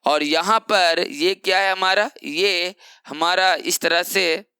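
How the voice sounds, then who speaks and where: A man's voice: sits high, steady tone, takes it slowly, sharp tone, smooth, dry recording. A young man teaching chemistry in an exam-prep lecture, explaining step by step and asking rhetorical questions that he answers himself.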